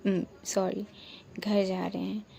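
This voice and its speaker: A woman's voice: medium pitch, flat delivery, slow pace, creaky, mellow. A woman voicing a stubborn young female college student who insists she is fine. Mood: insistent. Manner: insistent, brushes off concern.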